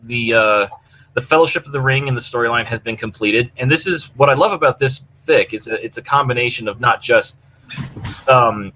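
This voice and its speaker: A man with a mid-range voice and a brisk, sharp tone co-hosts a podcast, giving a casual, enthusiastic, rambling review of stories. He speaks through a computer mic on push-to-talk online voice chat, and the rough recording carries clear background noise.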